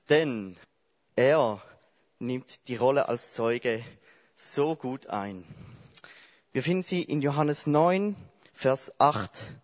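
A man delivers a sermon at an unhurried pace, telling the story in a lively way and asking his listeners questions. The recording sounds a little dull and lo-fi. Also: mid-range voice. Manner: lively storytelling, addressing the congregation directly. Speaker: preacher.

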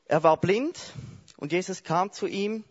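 Slow-talking man preaching a lively sermon. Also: high-pitched, slightly rough, lo-fi sound. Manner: lively storytelling, addressing the congregation directly.

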